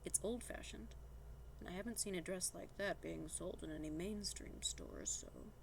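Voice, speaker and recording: A nerdy teenage boy in a storybook reading, shy yet sure of himself, as a woman puts him on. The voice sits a little low with a gravelly edge, and he talks in a calm, measured way. A faint noise sits behind it. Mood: confident.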